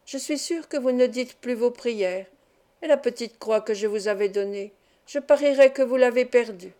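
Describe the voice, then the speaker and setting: A woman's voice: fairly high pitch, moderate pace, mellow, lightly acted. A woman reading the part of an anxious, devout young woman, worried and pleading, for an audiobook.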